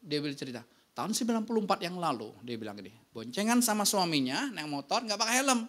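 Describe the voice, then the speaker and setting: A pastor preaching a casual, lively sermon, telling stories and often checking in with the congregation. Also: male voice, high voice, fast. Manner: casual, slangy preaching with anecdotes.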